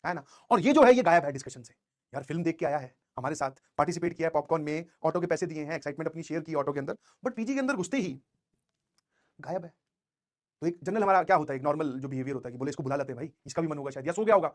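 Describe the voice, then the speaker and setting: A young man teaching a class of exam students, telling a motivational story in an animated way, with English phrases mixed in. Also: sits high. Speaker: coaching teacher.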